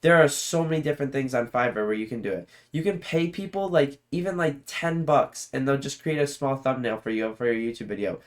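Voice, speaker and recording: A man's voice: medium pitch, lively intonation, brisk, few pauses. A man hosting a reaction video, commenting casually in a rambling way, full of filler words and easily impressed.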